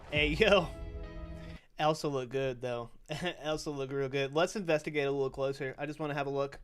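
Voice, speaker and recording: A man's voice: medium pitch, steady tone, normal speed, a bit bright, smooth, soft background music. A young man streaming, chatting casually in a loose, rambling way as he reacts to game news, swearing freely.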